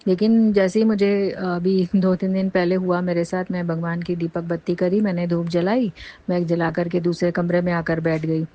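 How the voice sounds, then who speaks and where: A woman's voice: fairly low pitch, level tone, moderate pace, lo-fi sound. A middle-aged woman telling a long, earnest, rambling story of faith and thanks. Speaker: devotee sharing a testimony. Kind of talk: personal testimony monologue.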